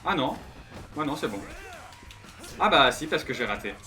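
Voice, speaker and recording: A man's voice: mid-range voice, sing-song, normal speed, bright, forceful tone. A man doing casual, slangy gameplay commentary and talking to his viewers. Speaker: gaming streamer. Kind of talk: casual gameplay commentary, reading game dialogue aloud. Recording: music behind the voice.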